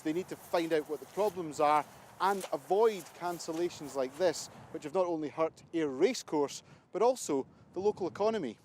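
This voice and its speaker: Man, news reporter. Somewhat high-pitched voice, broadcast report delivery. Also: darkish tone, slight background noise.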